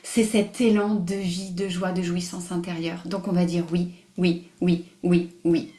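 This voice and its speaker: A woman hosting a live online masterclass, animated and emphatic, repeating phrases, mixing in English words and laughing often. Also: fairly low pitch, measured pace. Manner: mixes English words into her speech. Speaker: masterclass host. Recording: roomy echo.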